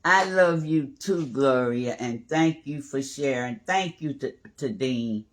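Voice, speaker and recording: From his home kitchen, a man runs a relaxed live cooking stream, speaking slowly in a mid-range voice. He chats as he cooks and greets viewers by name.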